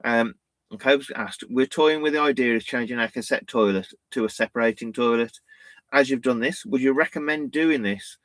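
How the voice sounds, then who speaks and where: A man's voice: medium pitch, normal speed, a bit bright, no room sound. Chatty man, dry close sound. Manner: chatty, rambling, laughs often, says "bloody" and "innit". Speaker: van life channel co-host. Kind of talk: casual live-stream chat.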